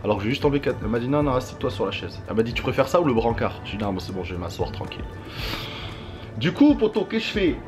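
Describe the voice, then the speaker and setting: A young man chatting in a casual vlog shortly after having his wisdom teeth out, speaking normally and telling things in slangy, animated bursts with little sound-effect words. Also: on the low side, racing, few pauses, music in the background. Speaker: vlogger.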